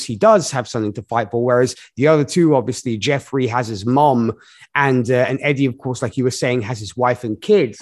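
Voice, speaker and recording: A man co-hosting a casual movie review podcast, talking in a rambling, animated way with many fillers and laughs. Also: medium pitch. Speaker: podcast co-host.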